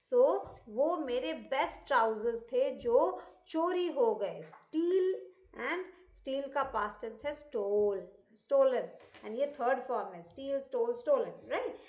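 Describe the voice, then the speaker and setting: Indian woman teacher quizzing her class. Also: on the high side. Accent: Indian English. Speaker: English teacher. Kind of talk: classroom grammar lesson. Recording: echoey, dull lo-fi room sound.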